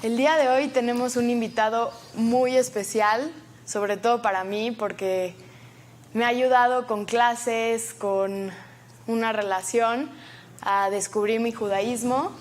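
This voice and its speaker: A woman hosts an interview, politely and formally introducing her guest and asking questions. Her fairly high voice keeps a fairly even intonation as she takes her time, with a little hiss or hum in the recording.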